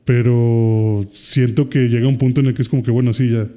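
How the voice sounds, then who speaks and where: Dark-voiced Mexican man, casual chat. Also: medium pitch, brisk. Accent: Mexican Spanish. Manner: animated storyteller, acts out characters' lines. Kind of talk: casual chat retelling a film.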